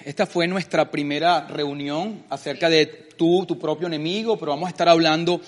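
A man with a fairly high voice hosts a faith talk show. He speaks reflectively and sums up for listeners. The room carries a long reverb. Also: steady tone, normal speed. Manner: reflective, wraps up the episode. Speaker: host.

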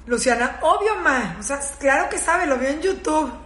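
A woman's voice: sits high, expressive, normal speed, a bit bright. A woman voicing her young adult daughter, a dismissive know-it-all. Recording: echoey room.

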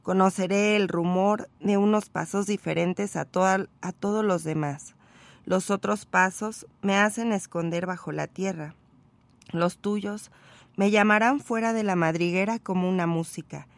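A woman voicing a wistful, patient male fox, explaining calmly while reading a story aloud. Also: medium pitch, a little slow, creaky, no echo.

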